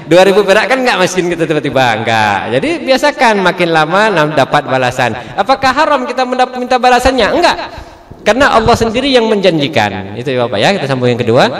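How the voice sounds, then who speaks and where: A man, a religious teacher answering questions at a village prayer hall, telling a humorous story and acting out the people in it. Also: mid-range voice. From Aceh, Indonesia. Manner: animated storyteller, acts out characters, laughs often. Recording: echoey hall with long reverb.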